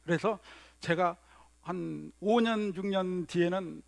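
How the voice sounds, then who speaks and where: Male pastor, middle-aged, high-pitched, storytelling sermon delivery. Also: slow, vocal fry, no echo. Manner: storytelling, acts out quoted lines in lowered voice. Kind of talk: Sunday sermon.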